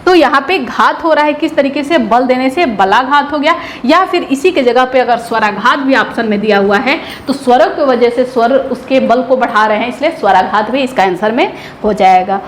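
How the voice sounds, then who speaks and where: A woman a high voice teaches grammar for an exam. She keeps asking questions and answers them herself, repeating each key term. Her voice rings in a room a lot of echo, and faint noise runs underneath. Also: moderate pace, hardly any pauses. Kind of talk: exam-prep lesson.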